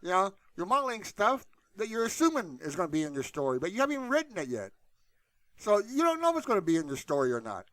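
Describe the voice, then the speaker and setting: This medium-pitched man with a fairly bright tone hosts a tutorial channel, and the recording is dry and close-miked. His casual screen-share talk is unscripted, rambling, plainspoken and full of colloquialisms.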